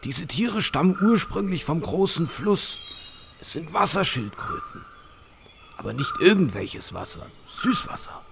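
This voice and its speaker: An actor playing a kindly old village elder who leans on a cane and speaks in a gentle, patient, teaching tone with a gravelly voice. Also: male voice, a little high, sing-song, a little slow, noisy background, exaggerated voice. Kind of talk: audio drama acting. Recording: background music bed.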